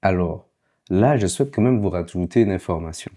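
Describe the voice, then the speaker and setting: A man's voice: deep voice, animated, fast, mellow. A man teaching how to read Biblical Hebrew in a casual online lesson. He is patient and keeps checking in with "ok?".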